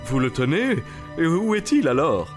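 A flustered old colonel. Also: male voice, fairly high pitch, moderate pace, over music. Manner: excitable, stammering when flustered. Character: proud agitated old colonel, racehorse owner. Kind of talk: French radio drama acting.

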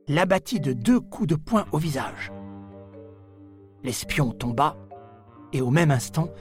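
A man narrating a novel in a measured, deliberate reading style. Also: on the high side. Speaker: audiobook narrator.

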